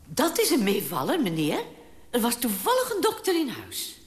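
A woman's voice: on the high side, wildly swooping pitch, moderate pace, reverberant, big-room sound. An actress in a radio drama playing an anxious female neighbor with an urgent manner.

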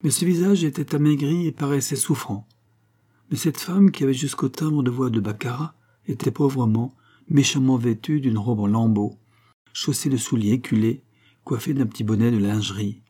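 A man reading a classic novel aloud as an audiobook narrator, in a steady, measured way. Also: mid-range voice, slightly rough. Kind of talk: scripted narration.

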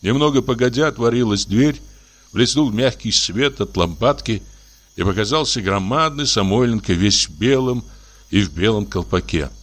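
A man narrating a classic literary audiobook in an expressive, measured reading. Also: fairly low pitch.

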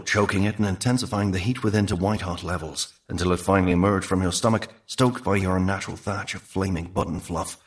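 An actor voicing a half-destroyed man who calmly and matter-of-factly explains events at length. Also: low voice. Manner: calm, matter-of-fact, long explanations.

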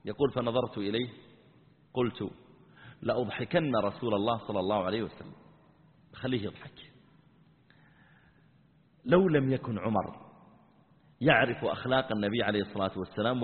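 A man preaching a sermon as a dramatic story, dropping to hushed low tones to act out the quotes. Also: brisk, long pauses. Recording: tinny, band-limited recording in a reverberant hall.

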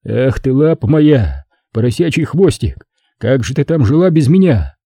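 A man's voice: mid-range voice, sing-song, moderate pace, dark tone, slightly rough, no room sound. A man reading an audiobook, voicing a tender, teasing grown man who talks in fatherly banter.

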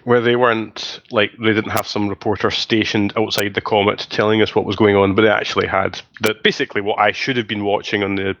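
A man's voice: fairly low pitch, little pitch movement, fairly quick, few pauses, a bit bright, dry recording. A man hosting a casual podcast chat, telling stories in a rambling, self-correcting way. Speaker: podcast host. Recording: slightly muffled lo-fi audio.

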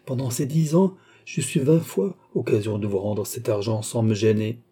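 A man's voice: mid-range voice, normal speed, mellow, breathy edge, close to an everyday voice. A man reading a proud cardinal prince in financial distress, haughty yet anxious and pleading. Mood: anxious pride.

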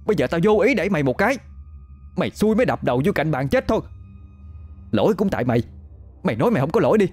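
A hot-tempered older woman from a spoken ghost story barks and scolds in a high, shrill voice, played by a male narrator. Her pitch leaps wildly, and soft music runs underneath. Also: lively intonation, quick pace, natural voice. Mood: furious. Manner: scolding and shouting.

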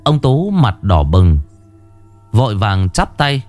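A man tells a horror story with a lowish voice. His delivery swings widely in pitch and stays dramatic. Faint music plays softly behind him. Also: big pitch swings, slow.

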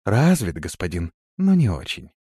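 A man's voice: lowish voice, huge pitch swings, moderate pace, a little mellow, breathy edge, no echo, exaggerated voice. A man voicing a cunning, seductive female colonist who moves between sweet servility and dry command. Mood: coy, servile.

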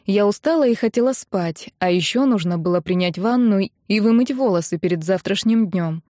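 A woman narrating a first-person novel in a steady storytelling voice. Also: medium pitch, moderate pace, dry recording, clean studio sound. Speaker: audiobook narrator.

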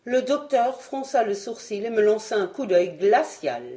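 A woman's voice: a little high, lively intonation, normal speed, mellow. A woman reading a novel aloud as an audiobook, narrating expressively in the first person. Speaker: audiobook reader.

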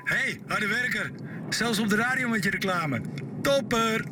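A man's voice: high voice, lively intonation, very noisy. A man playing a cheerful friend leaving a praising voicemail message in a radio ad. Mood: hearty. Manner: hearty, slow, praising. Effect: voicemail message played back. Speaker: caller in a radio ad.

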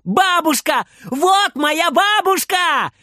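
A tiny, teary boy in a children's audiobook, voice pushed way up high and drawn out slowly. He calls out at the top of his lungs. The recording is dry and close. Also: expressive, dry recording, full character voice. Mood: overjoyed. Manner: high, wailing, slow, crying out. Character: small weepy boy, frightened then overjoyed.

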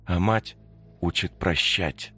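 A man's voice: low-pitched, slow pace, sharp tone, breathy edge, exaggerated voice. A man voicing a fierce protective young woman. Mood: urgent, commanding.

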